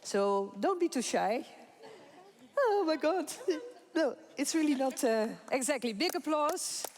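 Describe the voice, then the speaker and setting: A woman moderates a conference panel in a room with an audience, her voice sitting high, expressive and unhurried. She's chatty and informal, laughing easily, and the reverberant hall carries some background noise.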